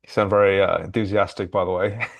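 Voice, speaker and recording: Low-voiced man steering a casual chat. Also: fairly even intonation, fast talker, vocal fry. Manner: informal, steers the talk, teasing. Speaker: podcast co-host. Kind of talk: casual conversation.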